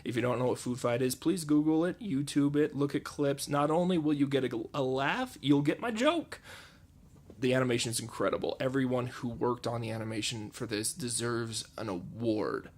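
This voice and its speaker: A man's voice: mid-range voice, animated, moderate pace, darkish tone. A man in his twenties giving a joking, sarcastic movie review. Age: 20s.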